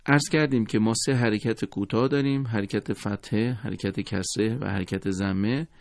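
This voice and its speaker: A man teaching a recorded lesson on Quran recitation, speaking in a formal, courteous and measured way. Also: lowish voice, a little mellow, no room sound, clean studio sound.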